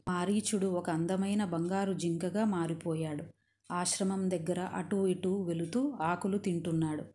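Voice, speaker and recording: A woman narrating an epic story in a plain, steady retelling. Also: on the low side.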